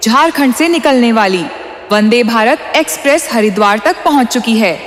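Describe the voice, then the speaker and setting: Read it as a station announcer over the PA: formal and even, a woman's voice, fairly high, with long hall reverb. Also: normal speed. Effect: railway station public address announcement.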